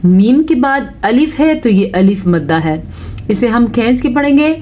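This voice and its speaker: A woman teaching Quran recitation step by step, explaining patiently and drawing out each recited word slowly. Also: on the high side, lively intonation, a little mellow, highs cut off. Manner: slow, patient explaining with drawn-out recited words.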